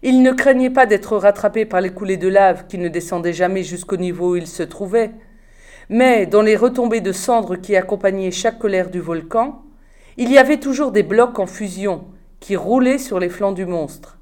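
A woman reads a novel aloud in a calm, measured voice. Her narration is steady and clear. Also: medium pitch. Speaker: audiobook reader.

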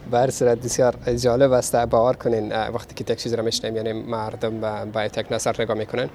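A man with an Afghan accent, whose first language is Dari, speaks in a lowish, slightly mellow voice with little pitch movement over a faint hiss or hum. A refugee and interpreter, he gives casual spoken testimony and interprets in halting non-native English, repeating words for emphasis.

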